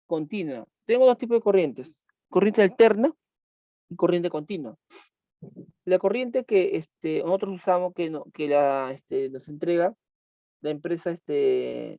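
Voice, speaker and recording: A man's voice: high voice, warm tone, dry recording. A man teaching a chemistry class online, repeating key points and asking students questions as he goes.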